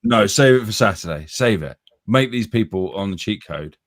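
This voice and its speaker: A man's voice: lowish voice, lively intonation, moderate pace. A British man co-hosting a live sports chat show, with playful interjections in casual banter. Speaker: podcast co-host.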